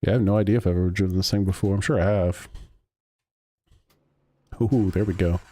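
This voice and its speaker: A man's voice: deep voice, steady tone, fairly quick, warm tone. A man streaming a sim racing game, chatting casually with his chat while he drives. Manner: laid-back, rambling, answers chat.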